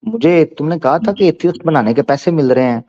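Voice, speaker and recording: A man hosting a debate, teasing and pressing his questioner, then slowing down to explain point by point. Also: a little high, animated, warm tone, no echo. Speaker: debate host answering a questioner. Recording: dull dry lo-fi sound.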